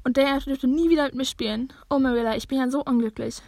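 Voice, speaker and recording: A tearful young orphan girl with a flair for drama, as a woman reads her aloud, lamenting plaintively in a storybook reading. The voice sits fairly high and sounds close and dry, with no room around it. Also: fairly even intonation, fast talker, creaky, darkish tone, no room sound.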